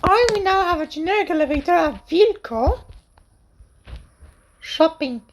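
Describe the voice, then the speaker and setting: A woman's voice: extremely high pitch, lively intonation, moderate pace. A woman giving casual, simple running commentary as she presents a lift tour, recorded on location in a shopping centre. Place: shopping centre lifts and walkways. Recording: noisy handheld on-location recording.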